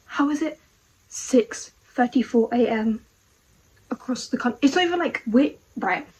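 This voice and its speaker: A woman's voice: on the high side, unhurried, a little mellow, low-quality recording. Chatty young woman vlogging. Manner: chatty, puzzled, full of "like" and rhetorical questions. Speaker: video diary vlogger. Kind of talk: casual rambling monologue to camera.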